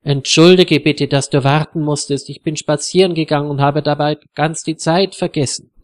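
A man voicing a flustered middle-aged hostess in a storybook reading, lifting his voice high and sounding fussy and short of breath. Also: fairly even intonation, moderate pace, natural voice.

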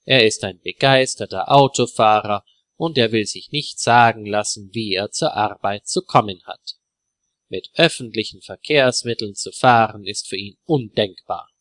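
A man narrating a simple story in a clear, deliberate way for language learners. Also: on the low side, fairly bright tone, dry recording.

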